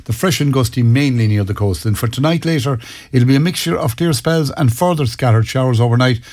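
A man's voice: mid-range voice, fairly quick, darkish tone. An Irish man presenting a radio weather forecast with a somewhat hesitant delivery.

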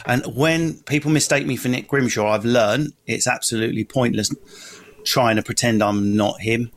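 A man's voice: medium pitch, steady tone, normal speed. A man with a North London Essex accent tells comic stories in a chatty, sweary, self-deprecating way. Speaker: stand-up comedian and TV personality, guest. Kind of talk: casual comic storytelling.

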